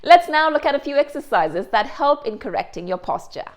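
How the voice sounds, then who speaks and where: Lively woman presenter. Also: high voice, fairly quick, faint music behind. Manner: clear, careful explanations with occasional Hindi asides. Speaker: host. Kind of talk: instructional presentation.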